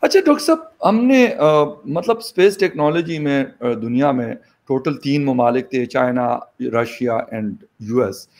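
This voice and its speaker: Agreeable male interviewer, lively pitch. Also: measured pace, hardly any pauses. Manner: frequent brief agreeing replies. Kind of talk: conversational interview.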